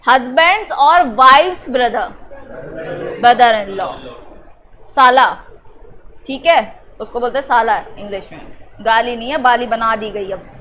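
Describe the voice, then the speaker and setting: A woman teacher drilling a class on family words, teasing and prodding students to answer loudly. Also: on the high side, unhurried, long pauses, a faint crowd, slight background noise. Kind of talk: classroom lesson.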